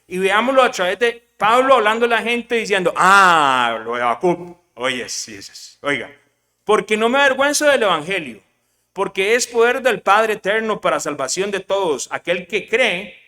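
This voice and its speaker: A man preaching a sermon as pastor, in a lively style that keeps asking the congregation questions and slips in English words. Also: sits high, fairly quick, long reverb tail.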